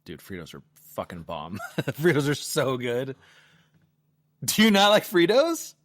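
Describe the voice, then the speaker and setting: A man's voice: medium pitch, huge pitch swings, a little slow, fairly bright tone. Playful laughing man in his forties. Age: 40s. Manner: laughing, playful, swears casually. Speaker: podcast co-host. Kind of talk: casual chat.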